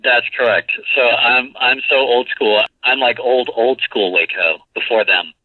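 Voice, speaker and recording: A man's voice: medium pitch, measured pace, no room sound. A man from Texas, a film director, chatting easily as a podcast guest. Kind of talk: casual interview. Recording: dry tinny phone line.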